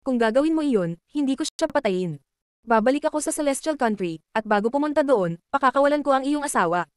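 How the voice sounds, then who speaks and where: A woman voicing a cold, ruthless young male martial cultivator who makes flat threats, in a fast-read audiobook. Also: sits high, clear, resonant tone, no room sound, clean studio sound.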